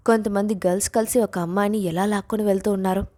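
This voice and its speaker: A woman's voice: medium pitch, fairly even intonation, quick pace, dark tone, lightly acted. A woman reading a story voices a watchful male chief security officer speaking respectfully to his boss. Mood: concerned.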